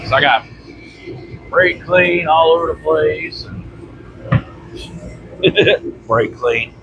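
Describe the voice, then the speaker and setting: This man's voice sits fairly high and moves very slowly, captured with lo-fi sound. Congested with bronchitis, he's chesty and clears his throat a lot as he rambles folksily to camera for his vlog. He's in a workshop, with a heater running steadily in the background.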